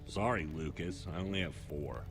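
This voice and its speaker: A man's voice: low-pitched, animated, normal speed, vocal fry, music in the background. An actor playing a brash, sarcastic young male adventurer in a video game. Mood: wisecracking. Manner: sarcastic, wisecracking.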